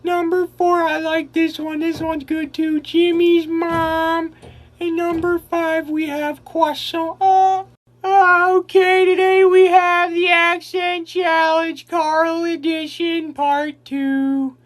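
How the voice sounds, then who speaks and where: A timid cartoon boy in an extremely high, nasal whine. He speaks very slowly and haltingly, stretching words out with dorky earnestness, as in a comic impression challenge. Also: flat delivery, faint music behind. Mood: hesitant, eager. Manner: halting, numbered delivery with drawn-out words. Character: Carl Wheezer, timid whiny cartoon boy.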